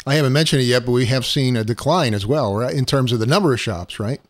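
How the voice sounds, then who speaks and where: A man's voice: mid-range voice, quick pace. A man hosting a podcast interview, prompting his guest with questions and frequent tag questions. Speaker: podcast host.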